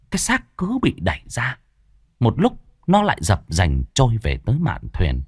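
A man narrating a horror story in a dramatic, expressive storytelling manner. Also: fairly low pitch, husky, dry recording, clean studio sound.

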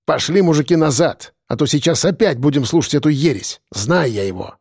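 A man voicing a gruff, stern village police officer who barks exasperated orders. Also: fairly high pitch, animated, brisk, a little mellow, dry recording, clean studio sound.

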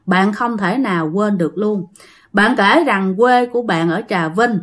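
A woman's voice: mid-range voice, measured pace. A woman with a Southern Vietnamese accent telling ghost stories for her channel in a chatty, dramatic way, speaking straight to her listeners. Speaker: storyteller of a ghost-story channel. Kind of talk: casual ghost-story narration.

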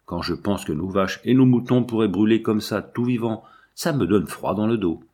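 A man's voice: on the low side, moderate pace, darkish tone, slightly rough. A man reading aloud and voicing a blunt, outspoken old farm servant woman who scolds. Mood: indignant. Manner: brusque, scolding.

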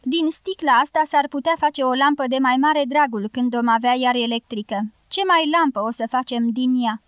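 A woman voicing a shy, caring young girl who speaks softly and eagerly in an audiobook. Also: high-pitched, clear, resonant tone, dry recording, lightly acted. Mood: tender. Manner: soft, eager to please.

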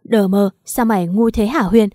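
A woman voicing a brash, foul-mouthed older friend in an audio story, speaking loudly, impatiently and with constant scolding. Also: on the high side, fairly quick, dry recording, clean studio sound, lightly acted.

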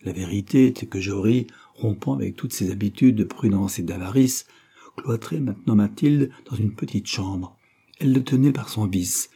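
A male narrator reads literary fiction aloud in a measured, expressive manner. His voice is very dark and husky, and sits somewhat low. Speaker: audiobook narrator.

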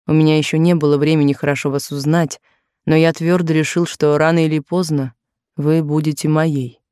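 A woman's voice: deep voice, flat delivery, moderate pace, mellow, clear, resonant tone, no echo, studio quality, natural voice. A woman doing an insistent, possessive male suitor.

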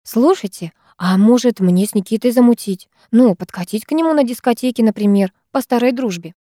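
A woman's voice: fairly high pitch, a little fast, mellow, dry recording, voice pushed up, natural voice. A woman voicing a chatty, gossipy teenage girl in an audiobook, raised a little above her narrating voice, in a dry, close recording. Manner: chatty, gushing.

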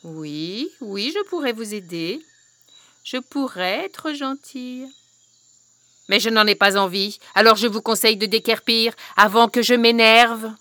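A woman reading a storybook aloud, voicing a cruel, greedy old witch who snarls, shouts and barks orders. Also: a little high, big pitch swings, slow, no room sound, heavily acted. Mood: menacing.

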